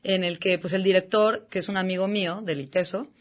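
A woman, a musician guest in a casual interview, relaxed and chatty with slang. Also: lowish voice, a little fast. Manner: relaxed, chatty, uses slang, restarts often.

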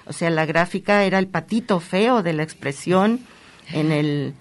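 A woman's voice: fairly low pitch, normal speed. A woman speaking as a guest in an interview, explaining with enthusiasm. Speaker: printmaking guest. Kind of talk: interview conversation.

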